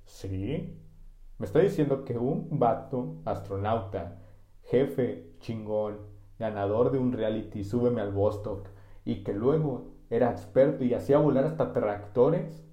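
A man's voice: medium pitch, measured pace, warm tone, close to an everyday voice. A man voicing a grumpy, scolding older male heckler with a Mexican Spanish accent, indignant and bossy. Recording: echoey room.

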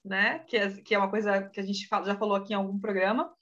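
A woman's voice: medium pitch, steady tone, fast, a bit bright. A woman hosting a casual talk, explaining with frequent tag questions. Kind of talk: casual conversation. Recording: dull lo-fi sound.

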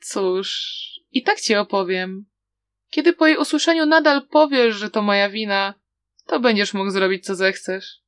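A woman's voice: mid-range voice, measured pace, no room sound, lightly acted. A woman voicing a cheerful but ruthless young man who taunts breezily. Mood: mocking.

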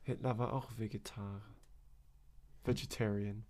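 A teenage boy chatting as a podcast guest, rambling through a story with many halting fillers. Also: on the low side, level tone, a little mellow. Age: teens. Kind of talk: casual chat.

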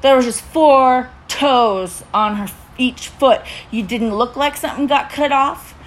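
Animated storytelling woman, swears freely. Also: sits high, unhurried, poor audio. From Utah, US. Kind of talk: casual chat.

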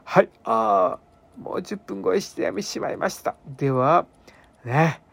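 A man's voice: high-pitched, animated, slow, creaky, slightly rough. A man telling anecdotes as a radio presenter, chatty and emphatic, often checking in with listeners. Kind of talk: conversational storytelling monologue.

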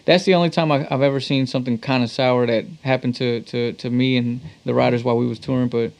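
Speaking quickly with vocal fry, this Texan talk box musician tells stories in a casual, slang-heavy interview. His voice holds a steady medium pitch.

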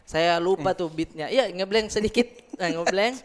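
A man, a stand-up comedian telling stage stories in casual chat, animated and laughing often. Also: high-pitched, moderate pace, crowd noise.

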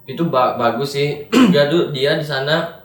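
A man's voice: a little high, a little slow, soft background music. Young man, roomy and distant. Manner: relaxed, offers recommendations, hedging asides. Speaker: podcast co-host. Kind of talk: casual chat. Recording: echoey room, set back from the mic.

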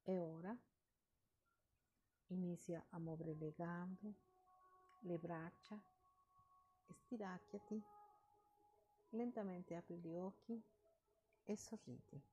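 Soft breathy lady doing meditation affirmations, dark warm tone, really slow, lots of pauses. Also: fairly low pitch, steady tone, a little hiss or hum. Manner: measured, pausing between short phrases. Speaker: guided meditation leader.

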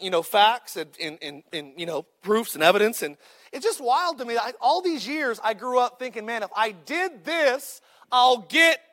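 A man in his thirties delivers a sermon in a very high voice. He is joking and punchy, and he calls out to the congregation. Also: sharp tone. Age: 30s. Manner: joking, punchy preaching with call-outs to the crowd. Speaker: pastor.

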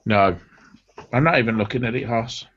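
A man's voice: mid-range voice, moderate pace, a bit bright, slight background noise. A man co-hosting a casual podcast, chatty and enthusiastic, calling people mate. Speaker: podcast co-host. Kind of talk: casual chat. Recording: dull lo-fi sound.

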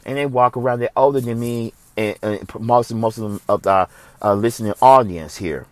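A man's voice: mid-range voice, normal speed, dry recording. A man from the United States hosting a religious commentary show, speaking in an impassioned, preachy way that repeats phrases for emphasis.

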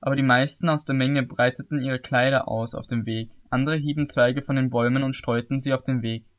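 A man reading the Bible aloud in a steady, plain way, now and then stumbling and correcting himself. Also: mid-range voice, fairly quick. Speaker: scripture reader.

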